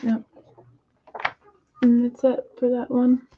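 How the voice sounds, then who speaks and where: A slightly hoarse woman hosting a comic book reading stream, chatting casually with lots of fillers and trying to slow her naturally fast speech. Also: a little high, monotone, lo-fi sound, a little hiss or hum. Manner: rambling, filler-heavy, self-deprecating. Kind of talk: casual livestream chat.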